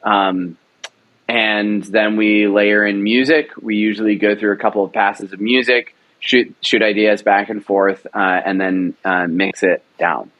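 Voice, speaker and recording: The audio is dull as a young adult writer and director discusses his audio drama in a relaxed interview. His voice is on the low side, a little slow and fairly even, and his talk is eager and meandering, packed with fillers.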